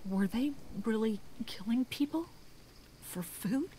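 A woman's voice: on the high side, lively intonation, slow, mellow, slight background noise. An actress playing an earnest, caring young woman survivor in a naturalistic, conversational video game drama. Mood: appalled. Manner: sincere, conversational.

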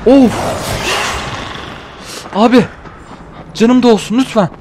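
A young man giving excited casual commentary while playing a video game, shouting at enemies. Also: very high voice, slow pace, background noise. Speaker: gaming YouTuber. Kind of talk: casual let's-play commentary.

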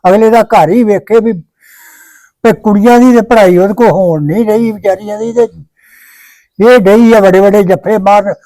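A man with a fairly high voice playing a father who grumbles and hands out advice. The sound is dry. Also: moderate pace, dark tone, no room sound, poor audio. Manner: grumbling, advising. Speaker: father in family drama. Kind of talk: casual Punjabi family vlog acting.

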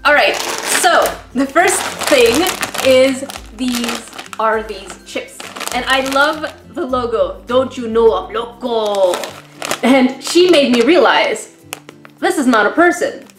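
Woman vlogger, higher voice, emotional rambling unboxing chat in a roomy space with soft music behind. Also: lively intonation, takes it slowly. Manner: rambling, chatty, laughs often. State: tearful, emotional.

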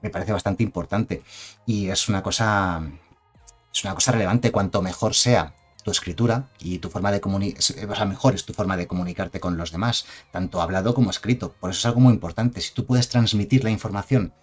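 A man's voice: low voice, a little fast. A man with a Spain Spanish accent giving chatty, digressive live-stream commentary on game cards and reading chat aloud.

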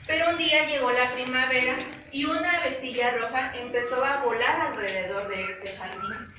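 A woman with a Mexican accent, a student telling a children's story with lively, giggly energy. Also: sits high, moderate pace. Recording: echoey room, far from mic, noisy.

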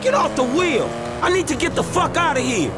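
A man's voice: very high voice, very animated, brisk. A man voicing a streetwise young getaway driver in a video game, slangy and cocky. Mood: brash, excited. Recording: loud music and car engine behind.

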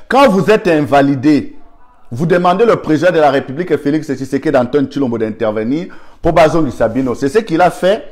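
A man's voice: fairly high pitch, darkish tone. A man with a Congolese accent gives an argumentative political commentary, firing rhetorical questions and thanking viewers by name.

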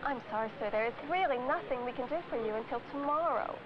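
A woman's voice: sits high, brisk, lightly acted. A woman playing a polite airline desk clerk. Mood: apologetic. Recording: dull 1980s film soundtrack with noise.

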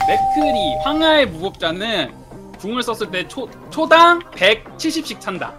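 A man reading out quiz questions and announcing the answers like a quiz master, with loud music behind. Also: very high voice, big pitch swings, moderate pace. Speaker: quiz question reader and judge.

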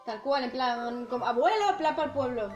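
A woman's voice: high-pitched, lively intonation, a little fast, a little mellow, muffled recording. A woman with a Spain accent chatting casually as she plays a game with friends. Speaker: player in group gaming session. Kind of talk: casual gameplay chat. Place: indoor room with friends. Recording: roomy, faint game music.

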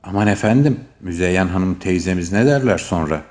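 A man's voice: sits low, expressive, moderate pace, darkish tone. A man voicing a polite, deferential young man doing errands for an old neighbor, in a storybook reading.

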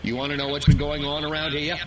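Alien posing as a human mayor, man, stilted and formal, a bit high, distant, loud game noise behind. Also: completely flat delivery, fast talker, close to an everyday voice. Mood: bluster. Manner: stilted, formal speech-making.

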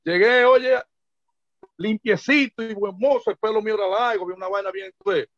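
A middle-aged man with a Dominican Spanish accent, an interview guest telling lively anecdotes and acting out the voices of people he quotes. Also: sits high, a little fast, no room sound. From Dominican Republic. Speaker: interview guest, merengue and bachata singer. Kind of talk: casual storytelling interview. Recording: dull lo-fi dry sound.

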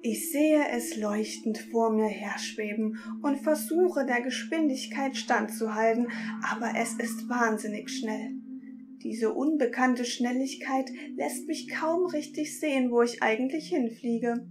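Bedtime storyteller, woman, slightly high voice, very slow and calm first-person reading. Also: music in the background.

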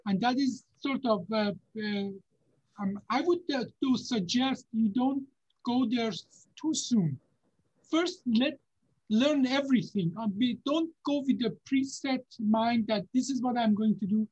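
A man, a neurosurgeon giving unhurried, halting career advice over a video call from a home office. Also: very high voice, darkish tone, breathy edge. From Iran. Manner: unhurried, halting, with many fillers and restarts. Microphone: video call webcam. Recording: dull, lo-fi video call audio.

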